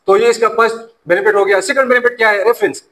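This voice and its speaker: Talking fast in a high, steady voice that sounds pushed and bright, a safety course instructor delivers a classroom lecture. He explains by putting questions and answering them himself, and he is a first-language Pashto speaker from the Pashto-speaking region of Pakistan.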